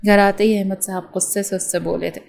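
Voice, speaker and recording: A woman reads a romance novel aloud at a medium pitch, staying steady and even as she takes every part herself. Her delivery is scripted storytelling. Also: a little fast, vocal fry. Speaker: novel narrator. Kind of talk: scripted narration of a romance novel with acted dialogue.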